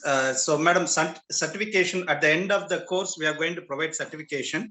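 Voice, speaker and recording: Forceful Indian Tamil man relaying questions. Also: a little high. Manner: halting phrasing, mixing Tamil and English. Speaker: meeting coordinator.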